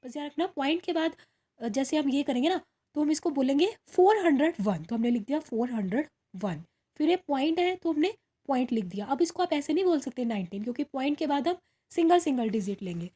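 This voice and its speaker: A woman's voice: high voice, expressive, a little fast, warm tone. A woman teaching primary school from a worksheet, patiently walking young pupils through each step and often checking they follow. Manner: patient, repeats "ठीक है" and calls pupils "बेटा". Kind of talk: recorded worksheet lesson for children.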